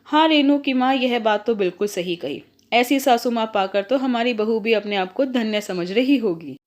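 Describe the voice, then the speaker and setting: A woman's voice: on the high side, moderate pace, lightly acted. A woman voicing an indulgent middle-aged father who cheerfully takes his daughter's side. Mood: jovial.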